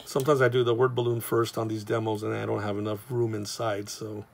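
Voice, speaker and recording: Chatty comics teacher. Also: male voice, fairly low pitch, flat delivery, fairly quick, vocal fry, slight background noise. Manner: rambling, loose and chatty, with many fillers. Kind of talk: casual drawing tutorial.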